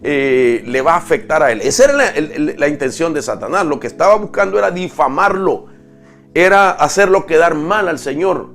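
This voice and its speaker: A man's voice: fairly high pitch, gravelly. A man preaching a sermon-style Bible lesson, explaining step by step with restarts and rhetorical questions. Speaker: apostle preaching.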